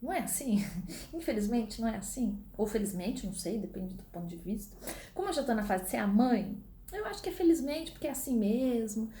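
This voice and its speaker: A woman's voice: fairly high pitch, lively intonation, a little fast, warm tone, a little hiss or hum. A middle-aged woman, teaching a law class in a chatty, informal way, full of fillers and restarts. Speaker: law lecturer. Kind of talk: recorded online class. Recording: echoey room.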